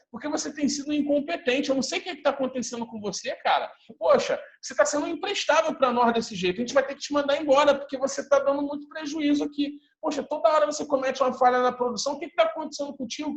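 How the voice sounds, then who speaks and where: A man voicing a rude, arrogant male boss who berates a worker in harsh, fast bursts. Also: very high voice, echoey room, voice pushed up. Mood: angry berating.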